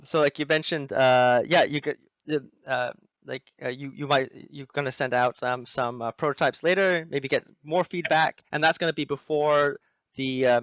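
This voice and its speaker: A man's voice: medium pitch, a bit bright, dry recording. A man from Wales hosting a casual video interview, talking hesitantly with lots of fillers and restarts. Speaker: host. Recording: dull lo-fi sound.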